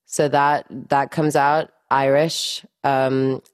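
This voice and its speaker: Low-voiced young woman with mixed accent. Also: little pitch movement, smooth. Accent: mixed, mostly English with a slight Spanish lilt. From born in Miami, raised abroad. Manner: bubbly, grateful, quick to laugh. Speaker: actress guest. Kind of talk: casual interview chat.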